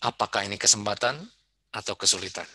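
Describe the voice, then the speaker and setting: Bright-voiced man addressing parents. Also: fairly low pitch, fairly even intonation, a little fast, slightly rough, no room sound. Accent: Indonesian. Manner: conversational, asks the audience questions. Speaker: speaker at a school parenting seminar. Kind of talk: seminar talk to parents. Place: school event room.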